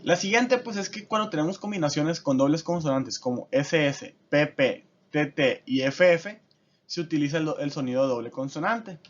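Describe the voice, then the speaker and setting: A man teaching a casual lesson, explaining step by step and often checking in with his listeners. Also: a little high. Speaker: language teacher. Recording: dull lo-fi audio.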